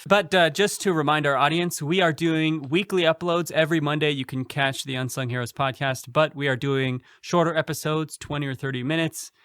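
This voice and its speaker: A man hosting a podcast, easygoing and quick to laugh as he introduces the show. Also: fairly high pitch, fairly even intonation, a bit bright, clean tone, no echo, clean studio sound. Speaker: podcast host. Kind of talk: casual podcast chat.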